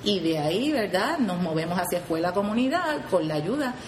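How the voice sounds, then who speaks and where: Her mid-range voice swings widely in pitch and moves briskly, a bit mellow, as this Puerto Rican 4-H leader earnestly explains her youth program in an interview. She speaks Puerto Rican Spanish with frequent "¿verdad?" tags and restarts, in a roomy space with slight background noise.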